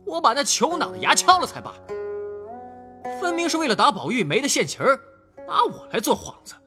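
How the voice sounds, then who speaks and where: An actor playing a hot-headed, blunt and quarrelsome young man in an audio drama, loud and blustering with a husky edge. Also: high-pitched, huge pitch swings, a little fast, music in the background. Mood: angry.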